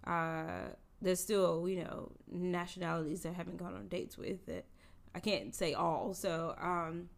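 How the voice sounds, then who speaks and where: A woman's voice: fairly low pitch, fairly even intonation, measured pace, gravelly. An American woman chatting casually, peppering her talk with "like" and "um". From United States. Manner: chatty, full of "like" and "um". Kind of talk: casual chat.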